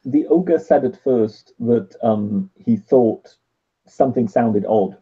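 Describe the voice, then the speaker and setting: British male co-host, husky and hesitant, muffled like talking down a tube over a dull webcam call. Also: medium pitch, dark tone. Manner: measured, hesitant, with many ums. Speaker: co-host of a live stream show. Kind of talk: casual live stream chat. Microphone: webcam mic picked up over a video call.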